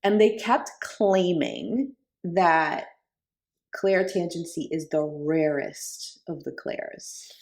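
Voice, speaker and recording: A woman's voice: fairly low pitch, expressive, slow, a little mellow. A woman co-hosting a podcast in casual conversation, chatty, with sarcastic asides and frequent checks that she is understood. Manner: chatty, sarcastic asides, frequent "like" and "do you know what I'm saying". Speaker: podcast co-host.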